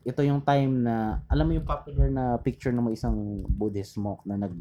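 Guy rambling about history, dark mellow voice, keeps blanking on names. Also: medium pitch, moderate pace, dull audio, a little hiss or hum. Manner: rambling, searches for names, mixes English into Tagalog. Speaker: podcast co-host. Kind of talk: casual history chat.

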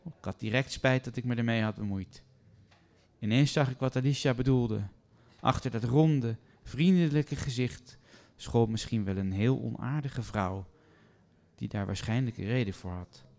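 A man reading a first-person story aloud in a calm, measured way. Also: medium pitch, vocal fry.

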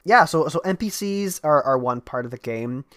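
A man chatting about running tabletop role-playing games, telling stories with lively energy and frequent restarts. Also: fairly high pitch, normal speed, dry recording, studio quality. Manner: animated storytelling, many restarts. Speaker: podcast co-host and game master.

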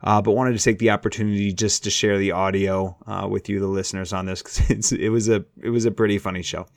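Podcast host guy, lowish voice, dry close mic, laid back with lots of uhs. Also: fast talker, dry recording. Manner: relaxed, filler-heavy intro. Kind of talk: podcast introduction.

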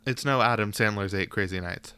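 A man's voice: lowish voice, brisk, pushed and bright, clear, resonant tone. A man co-hosting a casual podcast chat with dry, wry banter. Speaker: podcast co-host.

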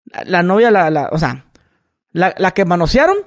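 A man's voice: high-pitched, big pitch swings, moderate pace. A man in his thirties with a Mexican accent, telling a rambling story on a casual podcast and repeating his words. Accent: Mexican Spanish. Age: 30s. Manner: rambling, repeats words, acts out quoted voices. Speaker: podcast co-host.

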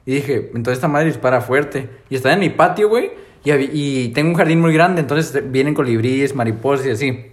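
A man's voice: mid-range voice, fairly quick. A young man with a Mexican Spanish accent, telling stories in slangy casual chat and laughing often.

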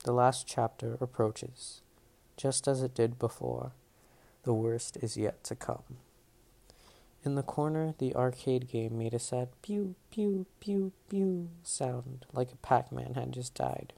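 A man's voice: medium pitch, steady tone, a little slow, vocal fry, mellow. A man giving a casual fan reading of a novel, reading plainly and breaking off with self-mocking asides. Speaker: audiobook reader.

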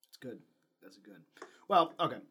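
Male podcast co-host, mid-pitched, loose rambling delivery full of fillers and restarts. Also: expressive, normal speed, bright, forceful tone, slightly rough. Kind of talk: casual chat.

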